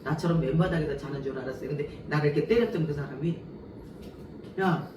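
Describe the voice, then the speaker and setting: Animated woman preacher in an echoey hall. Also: low-pitched, rapid-fire, noisy background. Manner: animated, acts out quoted voices, laughs often. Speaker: revival preacher. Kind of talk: revival sermon with personal stories. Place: church sanctuary. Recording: echoey church hall, mic at a distance.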